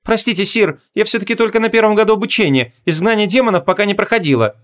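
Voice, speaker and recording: Male reader doing a young female marquise, high and cheerful, a mischievous audiobook student. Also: fast, a bit bright. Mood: apologetic. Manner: playful, mischievous.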